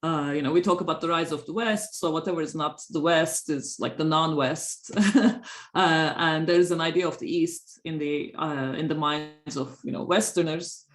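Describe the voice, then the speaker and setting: A woman professor from Turkey answers interview questions, halting and full of fillers and little laughs. Her voice carries a noticeable echo from the room around her. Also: low-pitched, steady tone. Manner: hesitant, many fillers and restarts, frequent laughs. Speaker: professor, author. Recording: roomy echo.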